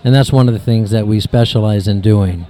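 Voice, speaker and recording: A man with a mellow, dark voice answers interview questions. His sentences run long and wind around as he rephrases. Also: fairly low pitch, brisk, soft background music. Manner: long winding sentences with restarts. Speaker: photographer guest.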